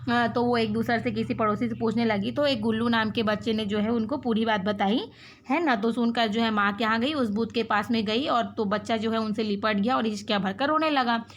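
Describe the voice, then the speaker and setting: A woman teacher with a fairly high voice reads a story out to her class. She then goes back over it line by line in plain, everyday words. She keeps checking in with her listeners as she goes. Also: steady tone, brisk, slight background noise. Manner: reads a passage, then retells it in simple words with frequent checks like "है ना". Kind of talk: reading a story aloud and explaining it in class.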